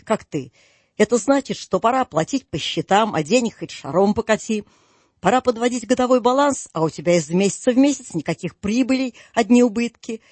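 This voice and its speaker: A man reading an audiobook voices a grumpy, miserly old man in a low, curt, grumbling tone. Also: a little mellow, breathy edge, no room sound.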